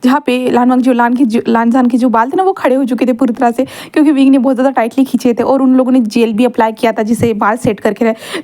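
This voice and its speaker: A woman's voice: fairly high pitch, dark tone. A woman telling a fan-fiction story in a casual style, mixing in English words and repeating linking phrases.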